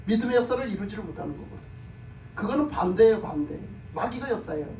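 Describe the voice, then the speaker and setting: A man preaches a sermon in a very high voice, retelling a story and slipping into the lines of its characters. He repeats his phrases for emphasis. He is picked up from a distance in an echoing church room, with a faint hum of the room behind him. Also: lively intonation, fast talker, darkish tone. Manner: acts out characters' speech in the story. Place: church sanctuary. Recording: echoey room, mic at a distance.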